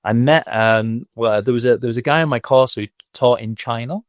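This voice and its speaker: A man's voice: mid-range voice, normal speed, no room sound, clean studio sound. A man in his thirties from Manchester with a Mancunian accent, reflecting on his career as a podcast guest, with frequent fillers. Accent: Mancunian English. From England. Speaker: guest, school owner. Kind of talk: podcast interview.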